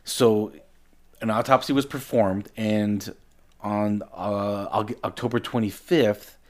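A man with a fairly low voice co-hosts a casual podcast. He talks animatedly and loosely, often repeating words and restarting mid-thought. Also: fairly even intonation, takes it slowly. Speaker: podcast co-host. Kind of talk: casual chat.

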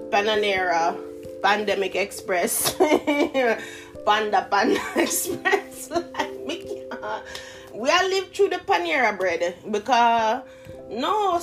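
A vlogger in her thirties with a slightly high voice addresses the camera directly in a casual motivational monologue. Laughing often, she mixes slang with standard English, and her Toronto accent has Jamaican Patois inflections.

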